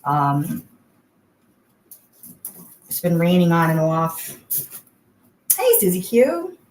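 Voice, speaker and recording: A woman's voice: fairly low pitch, big pitch swings, very slow, darkish tone. Woman chatting casually in an echoey bathroom. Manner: chatty, addresses viewers by name. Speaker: livestream host. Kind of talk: casual livestream chat with viewers. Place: indoors, in a bathroom. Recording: echoey bathroom, clear background noise.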